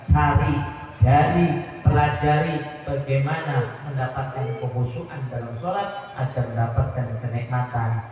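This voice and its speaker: A man with a Javanese accent preaching a lively sermon, telling stories and firing rhetorical questions at his audience. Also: medium pitch, a little hiss or hum. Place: large hall at a religious gathering. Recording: echoey hall recorded from far off, dull.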